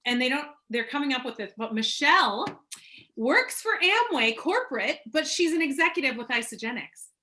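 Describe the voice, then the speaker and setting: A woman leading a casual team call, chatty and excitable, rambling from one story to the next. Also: high voice, fast, few pauses, poor audio. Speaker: team leader.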